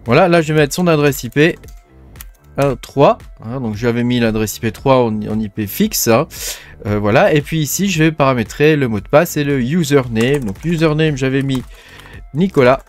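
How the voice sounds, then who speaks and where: A man's voice: medium pitch, normal speed, soft background music. A man hosting a casual screen-share tech tutorial, talking informally to the viewer with many fillers. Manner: chatty, informal, frequent "hein" and "tu vois" fillers.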